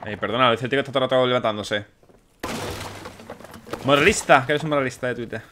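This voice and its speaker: A young man doing let's play commentary, excitable and swearing as he plays. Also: mid-range voice, fast, a little hiss or hum. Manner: excitable, swears often, exclaims mid-game. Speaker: gaming YouTuber.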